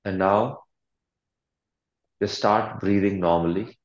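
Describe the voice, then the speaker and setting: A man coaching a guided meditation speaks calmly and deliberately, giving soothing instructions with long pauses. His pitch is fairly low, and the audio is dull with a roomy sound.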